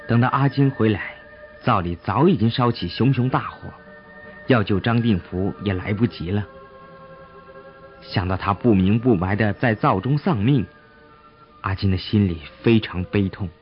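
A man narrating a folk tale in an expressive, dramatic storytelling manner. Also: fairly low pitch, moderate pace. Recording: dull audio with soft music.

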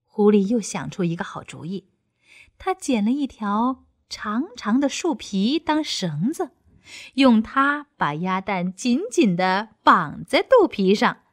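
A woman reading a children's story aloud with expressive, playful emphasis. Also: mid-range voice, slow pace.

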